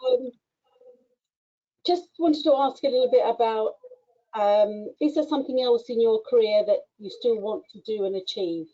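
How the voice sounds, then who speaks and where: A woman's voice: a little high, moderate pace, mellow. A woman hosting an online interview, giving encouraging replies and asking follow-up questions. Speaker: interviewer, event host. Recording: dull lo-fi audio.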